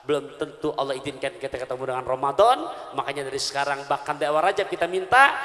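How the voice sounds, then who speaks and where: A man's voice: mid-range voice, quick pace. A male preacher giving a humorous sermon, calling out questions to the audience and joking with rhymes. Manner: animated, calls out questions to the audience, jokes with rhymes. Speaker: Islamic preacher. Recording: echoey hall with long reverb.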